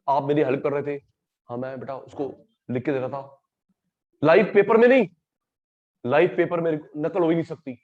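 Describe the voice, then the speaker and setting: A man's voice: a little high, darkish tone, highs cut off. A man teaching an economics class in a casual, teasing way, mixing Hindi with English terms. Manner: chatty, teasing, switches between Hindi and English. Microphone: microphone.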